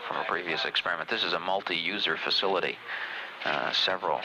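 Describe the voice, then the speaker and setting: A man giving factual, explanatory mission commentary over radio, measured and halting as he goes. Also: sits low. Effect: radio relay. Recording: noisy archival space mission radio audio.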